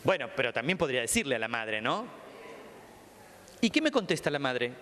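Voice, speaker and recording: A man's voice: mid-range voice, fairly quick, in a large hall. A man with a Rioplatense Spanish accent, a psychologist giving a training talk and acting out anecdotes as he tells them. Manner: animated storyteller acting out dialogue. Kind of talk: lecture with anecdotes. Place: lecture hall.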